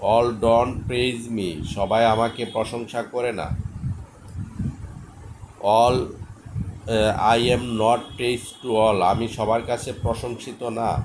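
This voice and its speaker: A man with a Bengali accent teaching English, reading each sentence very slowly and then translating it. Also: medium pitch, background noise. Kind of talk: slow drilled language lesson.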